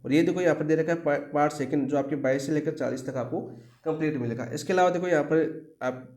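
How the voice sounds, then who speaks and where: A man's voice: on the high side, fast talker, darkish tone, roomy sound. A man teaching an exam-prep lecture who keeps asking the class questions and answering them himself.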